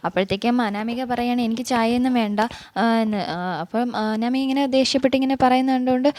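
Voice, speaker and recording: A woman's voice: on the high side, steady tone, a little fast, darkish tone, no echo. A woman casually retelling a TV serial episode, with lots of little fillers and hesitations. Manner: chatty retelling, frequent tag fillers and hesitations. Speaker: serial recap reviewer.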